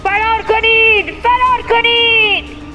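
A woman's voice: a little high, expressive, loud music behind the voice, close to an everyday voice. A woman voicing a proud, fierce male king who commands an army, in a storybook reading. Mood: panicked shouting. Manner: commanding, shouting orders. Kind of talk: storybook voice acting.

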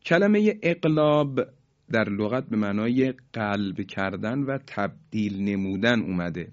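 A man teaching a Quranic tajweed lesson, explaining rules calmly and stretching out each example word slowly as he demonstrates its sound. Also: lowish voice, muffled recording. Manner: slow, drawn-out demonstrations of recited words.

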